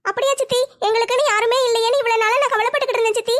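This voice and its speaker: A woman playing a squeaky-high eager college girl. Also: steady tone, very fast. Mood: curious. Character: young female college student, sweet and eager daughter. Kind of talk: homemade Tamil village comedy skit.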